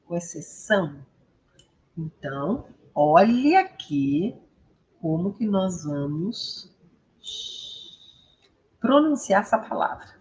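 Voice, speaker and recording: A Brazilian woman teaching English pronunciation, patiently repeating each model word slowly and clearly. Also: mid-range voice, fairly bright tone. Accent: Brazilian Portuguese. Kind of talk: pronunciation lesson.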